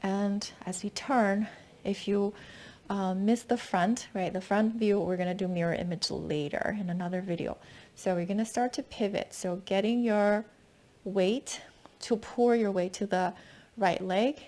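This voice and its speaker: A woman with a medium-pitched voice leads a tai chi lesson. She explains as she demonstrates, guiding the listener through each movement with step-by-step cues. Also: fairly even intonation, unhurried, darkish tone.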